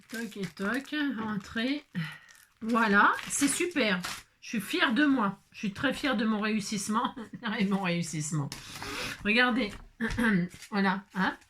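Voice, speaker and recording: A woman's voice: a little high, slow, pauses often, fairly bright tone, a little hiss or hum. Playful French-speaking crafter woman chatting. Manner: playful, self-mocking, hums and sings to herself. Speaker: card-making crafter. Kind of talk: casual craft tutorial chat.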